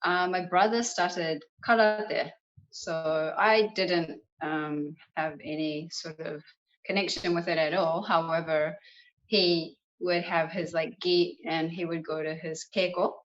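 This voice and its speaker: A woman's voice: lowish voice, steady tone, takes it slowly, dull audio. A woman with a New Zealand accent, a martial arts guest, telling her story in a casual, enthusiastic interview chat over a video call. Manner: chatty and enthusiastic, with frequent fillers. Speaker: guest, kyudo practitioner.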